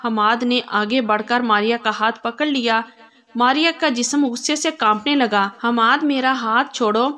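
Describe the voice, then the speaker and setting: Casting: female storyteller, slightly high voice, steady emotional read-aloud narration.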